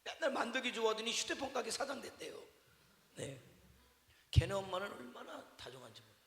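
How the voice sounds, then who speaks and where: A man's voice: sits high, big pitch swings, brisk, a bit bright. A male pastor preaching a sermon to his congregation, talking conversationally, quizzing them with repeated questions and telling stories about his mother with humor. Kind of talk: sermon at a Wednesday evening service. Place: church sanctuary. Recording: echoey church hall with long reverb.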